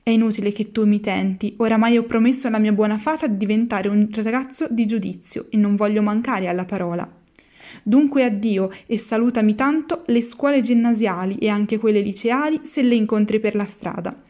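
A woman's voice: medium pitch, brisk, warm tone, lightly acted. A woman voicing an eager wooden puppet boy who is easily tempted, asking wistful questions. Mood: firm.

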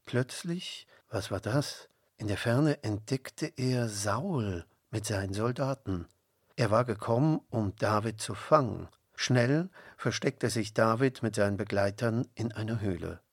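A man reads a children's Bible story aloud at an unhurried pace. His voice is slightly husky and recorded close and dry, and he drops to whispers and rises to calls for the characters. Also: fairly low pitch, no room sound. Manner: expressive, slow reading with whispers and raised calls for characters.

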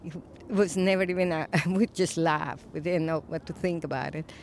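A woman's voice: deep voice, steady tone, gravelly, slight background noise. Reflective Colombian-born woman priest. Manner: reflective, soft-spoken with frequent pauses and fillers. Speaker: Episcopal priest. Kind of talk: recorded interview.

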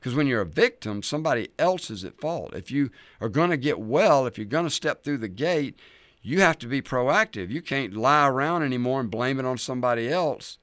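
A man preaching a sermon, swinging from loud dramatic scripture readings to soft near-whispers and speaking to listeners as friends. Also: medium pitch, lively intonation, a little fast, no room sound, studio quality. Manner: addresses listeners directly as friends.

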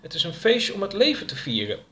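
Man playing a guarded woman organizer in a storybook, higher voice, curt. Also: huge pitch swings, quick pace, pushed and bright, heavily acted. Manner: curt, dismissive.

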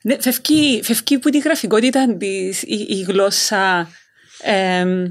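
A woman's voice: mid-range voice, fairly even intonation. A woman with a Greek Cypriot accent chats casually and enthusiastically as she interviews. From Cyprus.

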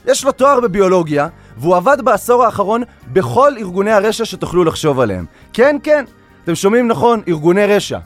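A man's voice: sits high, sing-song, faint music behind. An actor playing a veteran male TV interviewer who stumbles and apologizes, in a comedy audio drama. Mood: grandiose. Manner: showy, then stammering and apologetic. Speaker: talk show host.

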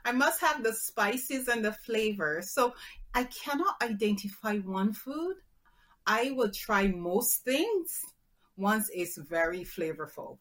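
A woman from Barbados with a Barbadian accent, chatting as a guest in an interview in a measured, upbeat way. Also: a little high, expressive, a bit bright. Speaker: guest entrepreneur. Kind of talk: casual interview chat.

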